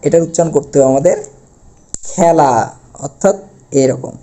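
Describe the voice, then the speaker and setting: Mellow-voiced man teaching grammar. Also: fairly high pitch. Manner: explanatory, repeats key words slowly with fillers. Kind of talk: online grammar lesson.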